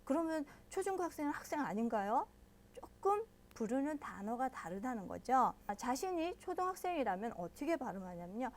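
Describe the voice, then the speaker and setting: A woman's voice: high-pitched, sing-song. A woman teaching a language lesson, explaining patiently step by step and checking in with her listeners often. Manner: models pronunciation slowly and loudly.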